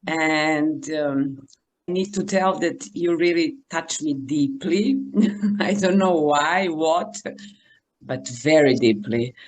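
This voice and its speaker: A woman with a Serbian accent talks casually to a group. Her pitch is low for a woman and her pace is slow, with halting, simple English. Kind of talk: casual group sharing on a call.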